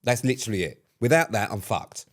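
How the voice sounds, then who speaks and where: A man co-hosting a podcast in casual chat. His voice is lowish. He is dry and self-mocking, and he swears freely. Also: animated, brisk. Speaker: podcast co-host.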